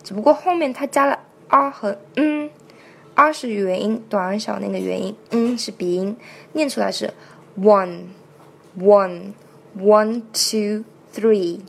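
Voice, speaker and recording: A woman teaching how to sing a song, explaining sounds in detail and repeating each word slowly several times to demonstrate. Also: fairly high pitch, gravelly, a bit bright. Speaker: singing and pronunciation teacher. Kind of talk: step-by-step song pronunciation lesson.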